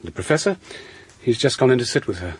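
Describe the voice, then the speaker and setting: An actor playing an anxious young doctor in a radio drama, speaking in a hushed, careful way. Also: male voice, mid-range voice, big pitch swings, fast, husky, dry recording.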